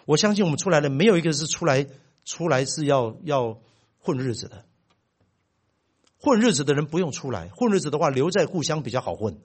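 A middle-aged man preaching a sermon as pastor, telling stories with big swings in loudness. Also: on the high side, very animated, a little fast, slightly rough.

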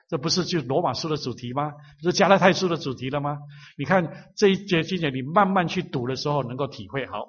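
A man preaching a sermon, teaching slowly and repeating phrases for emphasis. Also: fairly high pitch, fairly bright tone, slightly rough, dull audio. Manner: slow, emphatic repetition of phrases.

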